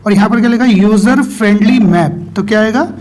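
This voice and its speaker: A man teaching a grammar lesson. He asks his students questions, answers them himself, spells out sounds slowly and keeps checking that everyone is following. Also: sits high, darkish tone. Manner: keeps checking understanding with frequent "okay". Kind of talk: explaining English grammar lesson.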